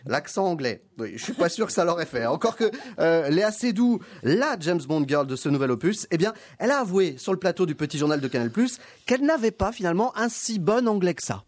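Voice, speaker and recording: A man's voice: high-pitched, very animated, a little fast, few pauses. A man giving a comic TV column on the radio, with a wry, mocking way of talking into a studio microphone.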